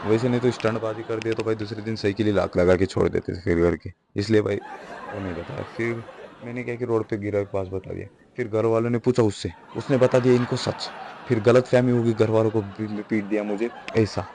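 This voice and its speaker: A teenage boy telling a rambling story as a first-time stand-up comedian, chuckling and correcting himself as he goes. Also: fairly low pitch. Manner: rambling, self-correcting, chuckles through lines. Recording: noisy live room with audience.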